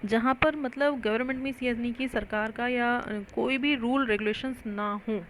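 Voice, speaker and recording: Young woman, Indian English accent, vocabulary teacher, slightly high pitch, faint hiss behind. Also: steady tone, a bit bright, poor audio. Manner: explains slowly, often asks and answers own questions. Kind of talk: Hindi-English vocabulary lesson.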